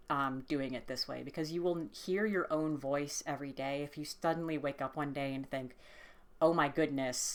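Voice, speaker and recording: A woman casually explaining voice training exercises, relaxed and hesitant with many fillers. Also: deep voice. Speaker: voice training tutor. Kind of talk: casual instructional vlog.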